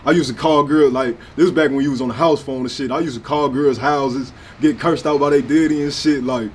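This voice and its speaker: Brash young St. rapper talking. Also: male voice, mid-range voice, steady tone, brisk, a little hiss or hum. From St. Louis, USA. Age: 20s. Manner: brash, profane, slangy. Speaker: rapper, interview guest. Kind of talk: casual sit-down interview talk.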